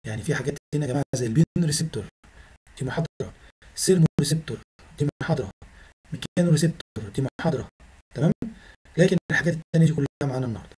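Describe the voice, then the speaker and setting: Egyptian male lecturer, slightly high, very fast delivery, repeats key terms, recorded lecture voice-over. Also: a little mellow, slight background noise. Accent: Egyptian Arabic. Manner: rapid, repetitive explaining with frequent "تمام؟" checks. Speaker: medical lecturer.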